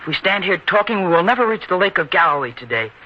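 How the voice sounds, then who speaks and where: In an old-time radio drama, a man with a high, fast, sing-song voice plays a proud, headstrong farm boy, earnest and declamatory as he insists. He sounds impatient and firm. The recording is dull and lo-fi, with radio hiss.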